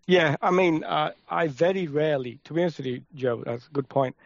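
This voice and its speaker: Fast-talking Yorkshire man, gravelly. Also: a little high, dry recording. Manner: quick, halting, with many restarts. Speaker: podcast co-host. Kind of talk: casual chat. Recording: dry, slightly muffled.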